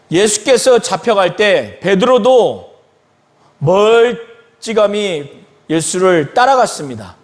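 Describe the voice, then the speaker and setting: A man preaches a sermon in a church at an unhurried pace. His voice sits high and swings widely in pitch, and he acts out the speakers in the Bible story he retells. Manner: slow storytelling of a Bible passage, acting out the quoted lines. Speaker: pastor.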